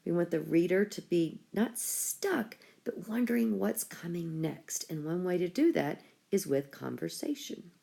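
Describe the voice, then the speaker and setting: A woman's voice: fairly low pitch, expressive, a little slow, creaky, few pauses, dark tone. A woman schoolteacher explaining a writing lesson to her class step by step. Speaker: school teacher.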